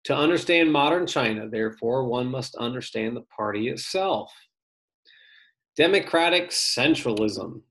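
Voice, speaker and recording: A male teacher reading an article aloud to his students for an online lesson, steady and plain with brief casual asides. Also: mid-range voice, measured pace.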